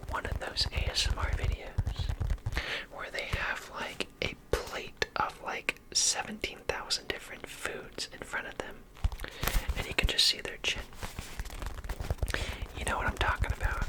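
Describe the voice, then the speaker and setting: A man speaks entirely in a whisper, in the style of an ASMR creator. He rants casually and gives his opinions freely, while hedging them as he goes. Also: rough recording. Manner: whispering throughout.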